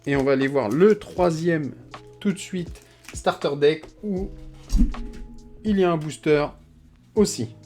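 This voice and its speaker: A man's voice: fairly high pitch, a little slow, pauses often, darkish tone, soft background music. A man giving casual, chatty commentary as he opens card packs, often hesitating and trailing off. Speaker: card collector opening packs.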